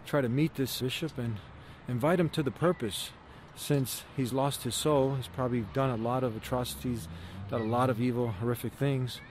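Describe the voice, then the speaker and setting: A man's voice: medium pitch, steady tone, moderate pace, few pauses. A man hosting a vlog, talking casually and earnestly about faith, repeating phrases as he goes. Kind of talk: casual vlog talk with religious preaching. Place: outdoors outside a church in town. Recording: faint outdoor street and traffic noise.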